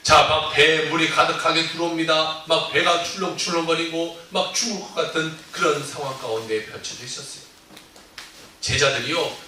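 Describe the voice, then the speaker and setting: Male pastor, animated sermon storytelling, somewhat high voice, roomy hall sound. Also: slight background noise. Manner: animated storytelling, acting out disciples' cries. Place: church sanctuary. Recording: echoey church hall, distant mic.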